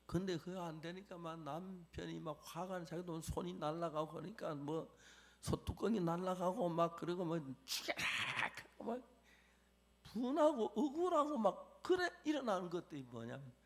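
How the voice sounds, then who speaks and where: A man preaching a chapel sermon, acting out quoted dialogue with animated delivery. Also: high-pitched, moderate pace.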